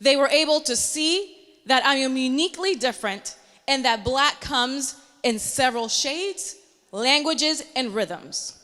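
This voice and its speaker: A woman's voice: high voice, expressive, unhurried, pushed and bright, long reverb tail. A woman, an earnest meteorologist telling her personal story in a motivational speech. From Panama.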